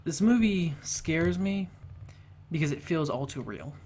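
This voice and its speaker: A man reviewing a film, talking earnestly and haltingly, often restarting his sentences. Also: on the high side, very animated, a little mellow, a little hiss or hum.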